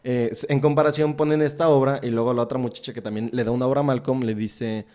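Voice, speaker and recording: Un hombre con acento mexicano que conduce un pódcast y conversa de forma casual, contando escenas con muchas muletillas. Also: male voice, mid-range voice, steady tone, quick pace, a little mellow. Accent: Mexican Spanish. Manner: chatty, retells scenes at length with filler words. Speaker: podcast host interviewing a guest.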